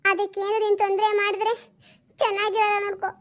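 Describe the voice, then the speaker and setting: A woman's voice: very high-pitched, completely flat delivery, fast talker. A woman voicing a tearful, protective mother who pleads and sobs. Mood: pleading. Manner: pleading and tearful, often sobbing. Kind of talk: home-made family drama.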